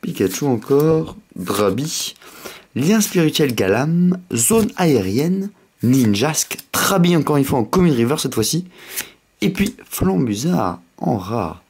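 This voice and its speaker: A man gives casual, chatty commentary as he opens packs on camera. He has a mid-pitched voice and a slight lisp, and his manner is excitable, with quick exclamations. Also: a little hiss or hum. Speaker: host of a card pack opening video.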